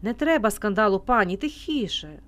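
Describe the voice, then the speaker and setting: A woman's voice: mid-range voice, lively intonation, normal speed, fairly bright tone, close to an everyday voice. A woman reading an audiobook voices a courteous male restaurant owner in a fluster. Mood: pleading. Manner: courteous, alarmed.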